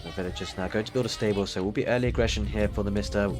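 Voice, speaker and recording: Man casting a strategy game, low voice. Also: racing, over music. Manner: steady, explanatory, with many fillers. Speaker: esports caster. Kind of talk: solo play-by-play game commentary.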